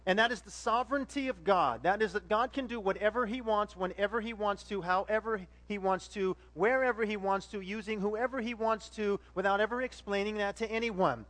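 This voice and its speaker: A man with a high-pitched voice preaches a relaxed, conversational sermon. He tells his stories animatedly and keeps turning to ask his congregation questions. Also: fairly quick, hardly any pauses. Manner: animated storytelling, addresses the congregation directly. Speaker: pastor.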